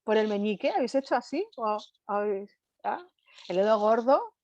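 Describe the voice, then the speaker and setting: A woman's voice: on the high side, lively intonation, normal speed, a little mellow, no echo, highs cut off. Chatty lecturer woman, dry sound. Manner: conversational, constantly checking in with the audience. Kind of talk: live online lecture.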